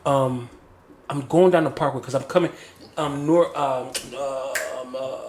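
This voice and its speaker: A man telling a personal story on a casual podcast, animated and repeating phrases like "you feel me". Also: mid-range voice, measured pace, roomy sound, a little hiss or hum. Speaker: podcast host.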